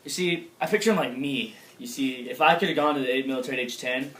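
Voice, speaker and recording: A man's voice: mid-range voice, quick pace, fairly bright tone, slight background noise, close to an everyday voice. A man playing a vain, boastful young nephew of a famous general who brags about himself, recorded far from the mic in an echoey room. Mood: smug. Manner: self-admiring bragging. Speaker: interviewee.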